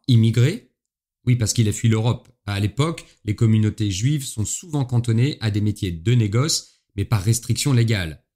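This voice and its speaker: A man's voice: lowish voice, mellow. A man from France hosting a solo history podcast, explaining in a chatty way with playful asides to his listeners. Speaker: podcast host.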